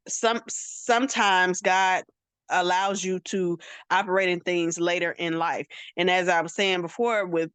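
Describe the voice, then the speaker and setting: A woman, a minister and counselor, hosts a Q&A and gives steady, encouraging advice. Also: fairly low pitch, no room sound. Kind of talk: counseling Q&A talk.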